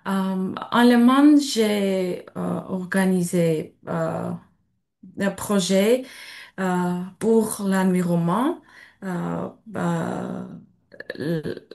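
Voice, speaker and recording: A woman of twenty-eight from Georgia with a Georgian accent, giving a personal testimony in halting, broken French, searching for words. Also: fairly low pitch, gravelly, a little mellow. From Georgia (country). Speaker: European volunteer giving testimony. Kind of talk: personal testimony at an information session.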